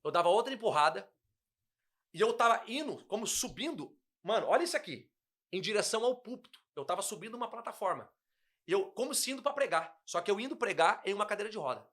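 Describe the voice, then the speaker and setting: Animated and quick-paced, this young pastor relates a personal testimony as a guest in a casual chat, getting emotional and acting out the dialogue. His voice is high and a bit bright.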